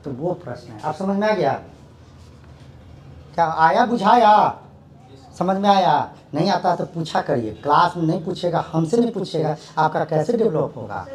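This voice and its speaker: Young male teacher, high voice, lively classroom lecture style, quizzes his students. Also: moderate pace. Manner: animated, rhetorical questions to students.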